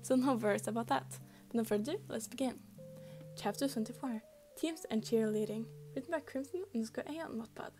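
A woman's voice: on the high side, a little fast, mellow, soft background music. A woman casually reading a fan story aloud, chatty, with frequent slips and restarts. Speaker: fan fiction reader.

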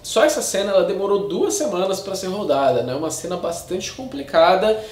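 A man's voice: high voice, animated, fairly quick, darkish tone. A Brazilian man in his thirties chattily reviewing a film to camera in slangy, casual speech with frequent tag questions. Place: small indoor room with shelves of discs. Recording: echoey untreated room.

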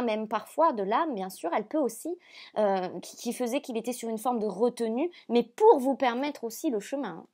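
A French woman channels a spiritual card reading aimed at the viewer. Her slightly high voice is soft and hesitant, and she repeats phrases often, using many fillers.

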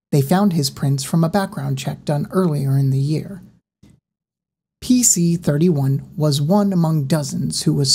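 Woman narrator for a horror audiobook: low, husky, even and unhurried.

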